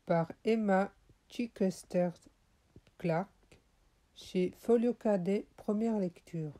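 A woman narrates a children's audiobook at a gentle, clear pace. Her tone is mellow and warm, and her voice sits in a middle pitch. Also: slow. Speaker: audiobook reader.

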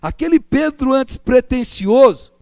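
A man preaching a sermon, impassioned and building repetitive lists that swing between raised exclamations and hushed low passages. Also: expressive, unhurried, dry recording, clean studio sound, faint music behind.

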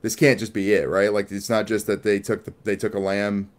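A man's voice: on the low side, little pitch movement, a little fast. A man co-hosting a casual movie review chat, blunt and rambling, swearing freely and answering his own rhetorical questions. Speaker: podcast co-host.

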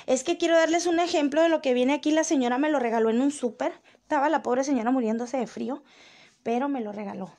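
High-voiced chatty Mexican woman livestreaming. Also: quick pace, darkish tone. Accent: Mexican Spanish. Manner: chatty, teasing, indignant, addresses viewers as "chicas". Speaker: livestream host. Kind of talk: casual gossip livestream, reading viewer comments. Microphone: phone.

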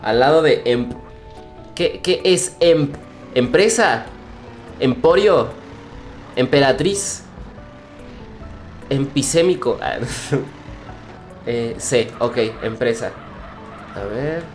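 A man's voice: mid-range voice, expressive, very slow, pauses often. Playful young man streaming games. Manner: playful, joking, repeats phrases, laughs often. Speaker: gaming streamer. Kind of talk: casual gameplay commentary. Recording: faint music behind.

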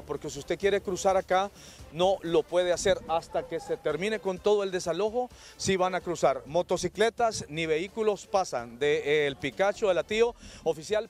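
A man with a Honduran accent reporting live from the street and putting questions to residents. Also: sits high. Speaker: field reporter. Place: outdoors on a street. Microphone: handheld microphone.

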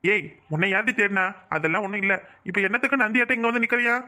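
A man voicing a gruff young village husband in a cartoon, curt and scolding. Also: high-pitched, fast, sharp tone. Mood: brusque. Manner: brusque and scolding. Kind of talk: cartoon voice acting.

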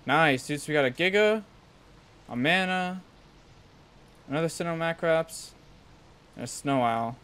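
A man's voice: a little high, expressive, measured pace, long pauses, fairly bright tone, clean tone. A young man giving casual gameplay commentary in slangy, sweary frat-bro talk. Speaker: gaming video host.

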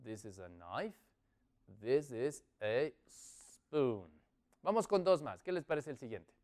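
A man with a Latin American Spanish accent teaching children English words, encouraging them and drawing out each word slowly for repetition. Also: medium pitch. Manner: slow, drawn-out model pronunciation; lively, encouraging, repeats words.

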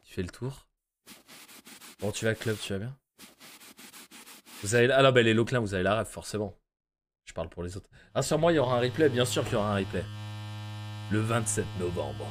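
A man's voice: on the low side, expressive, fairly quick, long pauses, a little hiss or hum. A young man commentating a horror game, joking crudely and putting on silly voices for the characters. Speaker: gaming streamer. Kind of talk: casual let's play commentary.

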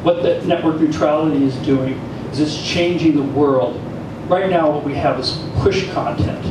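A middle-aged audience member making an assertive, argumentative comment into a handheld mic. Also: male voice, a little high, normal speed. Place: small cafe gallery with audience. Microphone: handheld mic, far camera. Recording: echoey room from far off, noisy.

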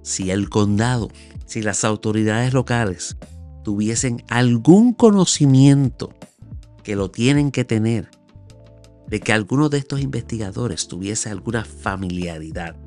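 A Puerto Rican man in his sixties, a YouTube commentator, scolds his viewers in a solo commentary from a small room at home, speaking emphatically and talking with his hands. His lowish, somewhat mellow voice is unhurried, with a Puerto Rican Spanish accent, captured close on a large boom-mounted studio mic with faint music behind.

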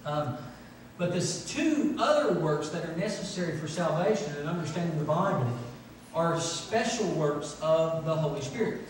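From the pulpit of a large church sanctuary, a middle-aged male pastor preaches a sermon, emphatically repeating phrases for stress. His voice is a little high and animated, at a moderate pace, and the recording sounds distant and echoey, with faint noise from the church hall.

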